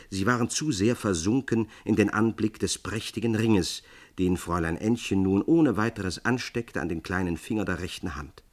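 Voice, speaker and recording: A man reading a classic fairy tale aloud in measured scripted narration. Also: low-pitched. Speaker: audiobook narrator.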